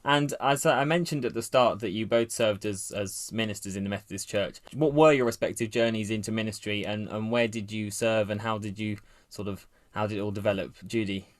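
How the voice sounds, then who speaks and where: A man's voice: lowish voice, fairly quick. Polite male podcast host. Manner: polite, scripted-sounding introductions and prompts. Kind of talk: podcast interview hosting.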